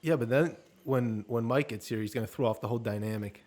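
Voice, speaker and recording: A man with a mid-range voice co-hosting a casual podcast chat. He is playful and quick with a joke. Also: mid-range voice, darkish tone. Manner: playful, jokey. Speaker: podcast co-host.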